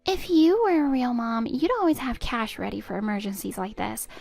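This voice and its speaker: In text-story voice acting, a woman plays a spiteful stepdaughter in her twenties who sneers at her stepmother and cuts her down with scorn and contempt. Her voice is fairly high, creaky and darkish, at normal speed, over soft background music.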